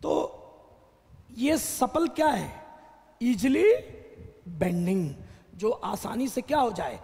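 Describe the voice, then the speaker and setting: A man teaches a class slowly, stopping to ask questions and answer them himself. His voice sits very high and sounds husky and gravelly. The room adds a long, echoey reverb. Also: big pitch swings, a little mellow. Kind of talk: classroom vocabulary lesson.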